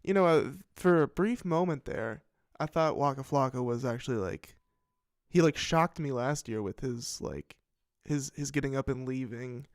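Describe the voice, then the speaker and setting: A man's voice: medium pitch, moderate pace, no echo, studio quality. A man hosting a casual commentary show, rambling and swearing as he reads headlines and reacts with frequent restarts. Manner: rambling, profane, self-interrupting. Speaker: podcast host.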